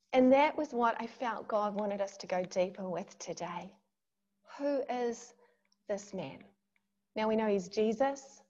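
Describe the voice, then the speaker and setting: A woman leading a devotional workshop on a video call, reading scripture and retelling it in an earnest, vivid way. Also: mid-range voice. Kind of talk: devotional talk with Bible reading. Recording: dull lo-fi call audio.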